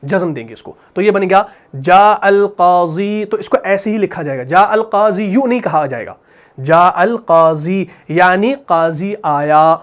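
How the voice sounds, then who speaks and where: Urdu grammar teacher asking himself questions. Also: male voice, sits high, lively intonation. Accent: Pakistani Urdu. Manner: repeats questions and answers them himself, adds "bhai" and "theek hai na"; reads Quran verses in a slow recitation. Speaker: Arabic grammar and Quran teacher. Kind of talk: explaining grammar while writing on a board.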